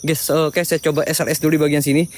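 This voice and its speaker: An Indonesian man with a slightly high, dark-ish, fairly monotone voice talks fast while hosting a ghost-hunting vlog outdoors at night among trees. He nervously comments and mutters prayers during the live paranormal exploration, and crickets and insects make the recording noisy.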